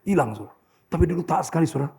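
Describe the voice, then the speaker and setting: An Indonesian-accented pastor in his sixties delivers an impassioned sermon to a church congregation. His voice is high, gravelly and husky, swinging widely in pitch and rising to shouts at its peaks. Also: rapid-fire. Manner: animated preaching, addresses congregation as saudara, shouts at climaxes. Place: church hall.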